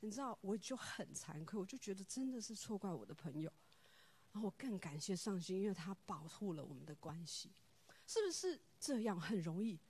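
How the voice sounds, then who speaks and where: Lively husky woman giving a devotional talk. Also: mid-range voice, a little fast. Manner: animated storytelling, acting out dialogue.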